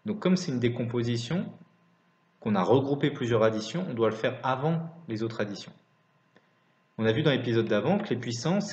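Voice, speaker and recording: Male maths teacher for lesson voice-over, lower-middle everyday pitch, dictates piece by piece, roomy and slightly dull recording. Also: darkish tone. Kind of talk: scripted lesson narration.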